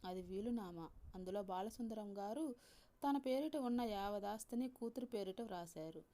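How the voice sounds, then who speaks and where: A woman with a Telugu accent reading a story aloud in a calm, measured way, softly voicing the characters. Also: mid-range voice. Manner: calm, measured reading with soft voiced dialogue. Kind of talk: scripted story narration.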